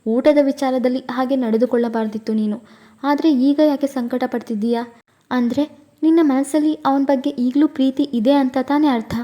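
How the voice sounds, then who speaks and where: A woman voicing a calm young woman friend who gently reasons and consoles in an audio story. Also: high voice, normal speed, close to an everyday voice. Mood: consoling.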